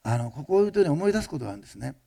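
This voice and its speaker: Man preaching a sermon, very gravelly, husky, rapid delivery. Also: fairly high pitch, very animated, dark tone. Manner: fast-talking, admits rushing; conversational, asks listeners questions. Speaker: pastor. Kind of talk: sermon testimony.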